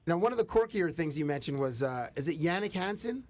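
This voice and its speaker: A man's voice: fairly high pitch, expressive, a little fast, no echo. A man hosting a casual podcast interview, laid-back and joking, with plenty of slang. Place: Toronto.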